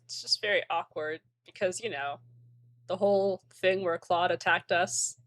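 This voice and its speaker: A woman's voice: lowish voice, steady tone, normal speed, fairly bright tone. A young woman streaming a game, chatting casually and giggly, reading chat and recapping the story on a close microphone. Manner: chatty, giggly, puts on silly voices for recaps. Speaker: live streamer. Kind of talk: casual let's-play commentary.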